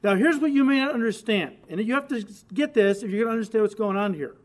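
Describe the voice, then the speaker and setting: Pastor guy teaching a sermon, high-ish voice, emphatic, chatty, talks right to the folks. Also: fast talker. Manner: emphatic, conversational, addresses listeners directly.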